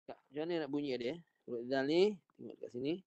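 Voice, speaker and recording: Speaking quickly in a medium-pitched, dark voice, a man with a Malaysian Malay accent leads an online Quran recitation class over video call, patiently repeating short drills and fixes. The recording is muffled, with no room sound.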